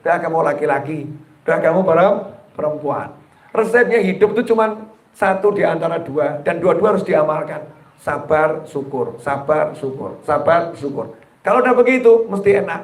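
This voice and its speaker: A man's voice: a little high, lively intonation, moderate pace. A man preaching a humorous Islamic sermon to a live audience, speaking directly to the crowd. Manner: jokey, addresses audience directly, acts out quoted wives and friends. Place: gathering hall before a live audience. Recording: echoey hall.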